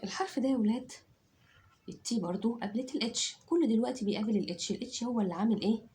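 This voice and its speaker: A woman's voice: a little high, very fast, dark tone, a little hiss or hum. A woman teacher with an Egyptian accent, giving a phonics lesson to children, sounding out letters and checking that they follow. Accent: Egyptian Arabic. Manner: drills sounds aloud, repeats and checks understanding. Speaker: English teacher.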